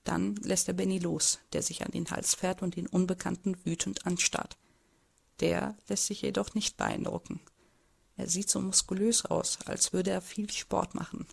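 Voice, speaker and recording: A woman's voice: lowish voice, gravelly, darkish tone, breathy edge, heavily acted. A woman voicing a timid, bullied teenage boy who narrates his own story in an amateur audio drama, in a hesitant, subdued way.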